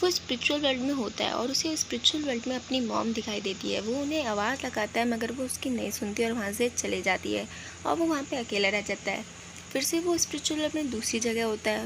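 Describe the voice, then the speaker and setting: A woman narrating a casual recap of an animated episode, chatty and mixing in many English words. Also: fairly high pitch, fairly quick, vocal fry, noisy background. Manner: addresses viewers as guys.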